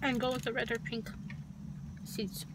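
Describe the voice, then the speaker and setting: A woman's voice: on the high side, flat delivery, a little slow, background noise. A woman in a casual food vlog, talking to viewers while chewing, her mouth numb after dental work, seated in a parked car. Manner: chatty, addresses viewers directly. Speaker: vlogger.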